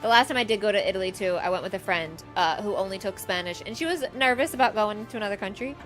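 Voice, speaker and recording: A woman's voice: medium pitch, fast, fairly bright tone. Chatty woman streamer, faint music behind. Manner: chatty, laughs often, reads chat aloud. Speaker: game streamer. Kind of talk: casual live-stream chat while gaming.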